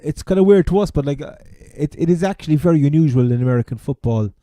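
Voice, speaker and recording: A man's voice: a little high, lively intonation, fast, dark tone, no echo, clean studio sound. A man with an Irish accent from Cork, co-hosting a casual chat about sport. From Ireland. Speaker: sports podcast co-host.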